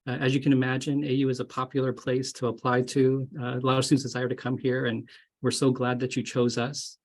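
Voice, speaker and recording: A man in his thirties speaks briskly in a mid-range voice with a completely flat delivery. As an associate dean, he's giving a casual webinar to incoming students over a video call, friendly and rambling with many fillers. He's indoors, at home or in an office, and grew up moving around, largely in Florida.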